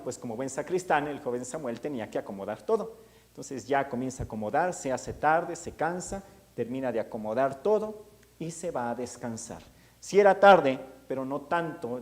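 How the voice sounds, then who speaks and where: A priest preaching a homily. He tells the story in a vivid, animated way and speaks at a middle pitch for a man. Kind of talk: sermon.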